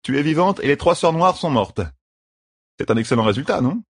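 A man's voice: fairly high pitch, lively intonation, brisk, breathy edge, no room sound, studio quality, pitched above the performer's own voice. A man voicing a cheeky, grumbling young rogue who talks sarcastically, in an audiobook.

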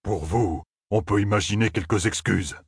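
A man voicing an indignant bearded male Ogier, a giant, who scolds slowly and reproachfully. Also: on the low side, vocal fry, slightly rough, no echo, studio quality, full character voice.

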